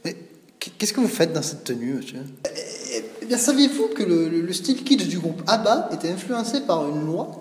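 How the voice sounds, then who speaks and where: A young man plays a stiff help desk clerk in a comic sketch. He sounds mock-formal and flustered, with a fairly high voice. The room is echoey, with a long reverb. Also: big pitch swings, fairly quick, slight background noise. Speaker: comedy segment host.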